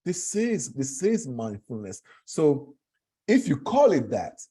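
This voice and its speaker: A man's voice: on the high side, big pitch swings, slow, warm tone, breathy edge. A man from Cameroon speaking as a guest, earnest and emphatic, often repeating his phrases. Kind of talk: conversational talk.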